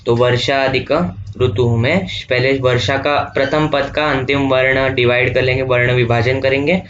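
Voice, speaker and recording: A man teaching an online revision lesson, explaining slowly and repeating each step, checking often that students follow. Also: medium pitch, a bit bright, muffled recording, slight background noise. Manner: slow, repetitive explaining with frequent checks.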